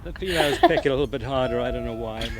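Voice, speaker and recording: A man's voice: mid-range voice, wildly swooping pitch, racing, a loud crowd. A man from South Africa who runs an ostrich ranch, easygoing and explanatory, often chuckling as he answers questions outdoors at the ranch. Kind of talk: casual interview answers. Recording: archive TV clip with loud music.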